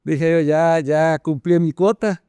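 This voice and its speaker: Colombian older man, smooth clear voice. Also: on the high side, steady tone, dark tone, dry recording. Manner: thoughtful, halting with repeated words and fillers. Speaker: guest, company general manager. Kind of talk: conversational interview.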